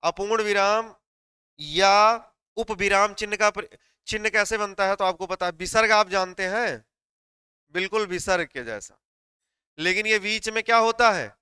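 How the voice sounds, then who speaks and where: A man teaching a live online class, who explains step by step, puts questions to his students and dictates notes slowly word by word. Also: sits high, pushed and bright, clear, resonant tone, no room sound, studio quality.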